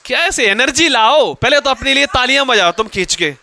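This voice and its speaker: A man teaches a grammar lesson to a room full of students. His voice is very high, bright and smooth. He quizzes the class with question after question and pushes them to answer out loud. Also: expressive, a little fast.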